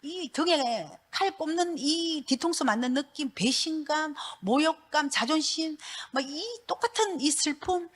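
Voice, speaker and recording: A middle-aged woman, a pastor's wife giving a church testimony in a lively, laughing storytelling manner. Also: sits high, measured pace, hardly any pauses.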